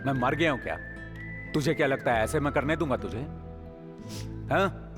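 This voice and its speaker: A man dubbing a stern working-class father in a film, gruff and scolding. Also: medium pitch, lively intonation, moderate pace, lightly acted. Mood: softened. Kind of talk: Hindi film dub. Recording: film dub with reverb and music.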